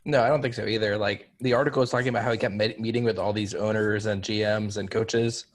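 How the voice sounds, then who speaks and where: Young man, podcast co-host, rapid speech, low voice, casual football talk. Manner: quick, even-toned analysis with many "like" fillers. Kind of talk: casual sports chat.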